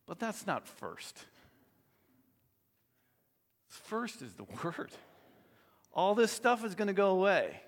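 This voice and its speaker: A man preaching a sermon as pastor, animated and emphatic, laughing often. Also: a little high, big-room sound.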